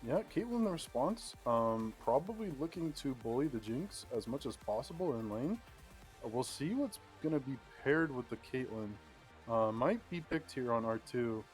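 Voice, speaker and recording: A man calling a live esports draft pick by pick in steady play-by-play, with frequent ums. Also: medium pitch, normal speed, faint music behind. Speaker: play-by-play caster.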